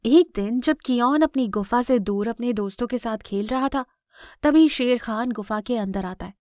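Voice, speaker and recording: A woman narrating a scripted children's cartoon story in a clear, expressive storytelling voice. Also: on the high side, normal speed, dry recording, clean studio sound.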